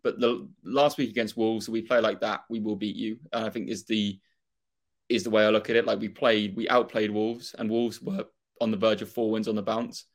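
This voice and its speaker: A man's voice: on the low side, flat delivery, normal speed. A young man with a Norfolk accent chatting casually and opinionatedly about football as a fan, in a rambling way. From Norfolk, England.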